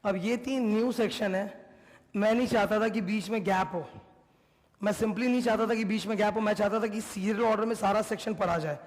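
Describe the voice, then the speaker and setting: An Indian man with a high-sitting voice teaches a class, speaking a little fast with fairly even intonation. He lectures emphatically, repeats his points, and mixes Hindi with English. The recording has long hall reverb.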